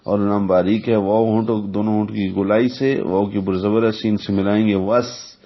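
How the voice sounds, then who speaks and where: Low-pitched guy explaining quran recitation rules step by step, muffled lo-fi sound. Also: flat delivery. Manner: slow, methodical explanation with recited verse examples. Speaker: Quran tajweed teacher. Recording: dull lo-fi recording.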